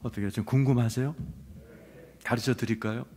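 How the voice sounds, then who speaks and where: A middle-aged man preaching a sermon with personal testimony, telling his story with animated, acted-out scenes. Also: mid-range voice, brisk. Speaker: pastor.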